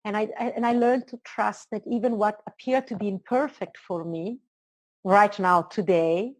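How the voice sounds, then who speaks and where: A woman's voice: mid-range voice, normal speed, poor audio. Earnest woman with an Italian accent. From Italy. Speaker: spiritual teacher being interviewed. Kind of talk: reflective spiritual teaching in conversation.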